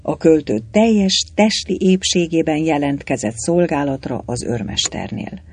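A man narrating a novel as an audiobook, lively storytelling that moves in and out of character voices. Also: a little high, slightly rough. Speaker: audiobook reader.

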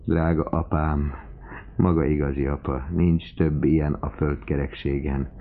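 A man's voice: rumbling low, level tone. A man voicing an affectionate young woman, a devoted daughter, in an audiobook reading. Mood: adoring. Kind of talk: audiobook character voice. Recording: tinny phone-like lo-fi recording.

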